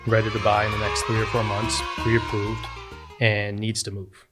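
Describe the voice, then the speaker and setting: Low-voiced man, easy laugh. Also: monotone, moderate pace, loud music behind the voice. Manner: laughs easily, short agreeing replies. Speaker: real estate agent guest. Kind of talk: casual podcast conversation.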